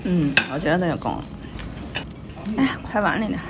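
Her voice lowish and her intonation lively, a woman speaking with a Tianjin accent vlogs her meal at a normal pace, commenting bite by bite in an easygoing way. She's indoors at a small, busy restaurant, and the recording is noisy and clattery.

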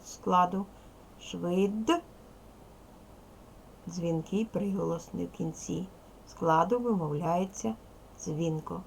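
A woman's voice: on the low side, creaky, a little hiss or hum, poor audio. A woman teacher giving a video lesson to young pupils, carefully over-pronouncing sounds and giving instructions. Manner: addresses pupils with instructions and questions. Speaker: primary school teacher. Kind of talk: video language lesson for children.

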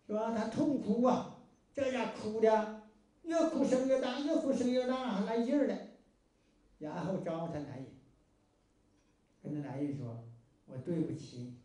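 A man with a Northeastern Mandarin accent giving a folksy moral lecture, telling stories with homespun liveliness. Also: sits high. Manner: homespun and lively, acting out dialogue. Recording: very echoey room, mic far off.

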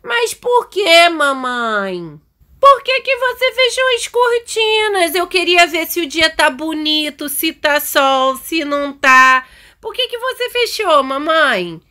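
A woman voicing an excited, whiny little girl in a game role-play, squealing in a high child voice. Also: slow, exaggerated voice.

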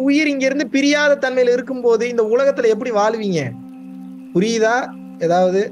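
A man teaching a spiritual class, speaking to his students with many rhetorical questions and words repeated for stress. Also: extremely high pitch.

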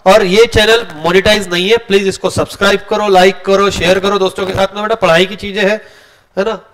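A man's voice: high-pitched, flat delivery, a little fast, a bit bright. A young man, teaching a class in a casual, joking way, telling stories and mixing in English. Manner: joking, storytelling, mixes Hindi and English.

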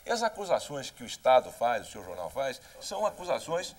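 A man's voice: mid-range voice, sing-song, fairly quick. A middle-aged man with a Brazilian accent, a political candidate answering questions defensively and emphatically in a heated televised debate. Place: television studio.

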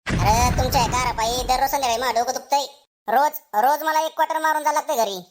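Woman plays worn-out schoolteacher, grumbling and scolding, voice on the high side. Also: steady tone, fast, natural voice. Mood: weary. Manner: scolding, exasperated. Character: tired grumbling male village schoolteacher.

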